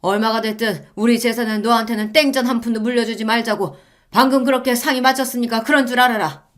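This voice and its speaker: A woman's voice: fairly high pitch, steady tone, fast, pitched above the performer's own voice, natural voice. Woman doing a stern, scolding older father. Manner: scolding, harsh.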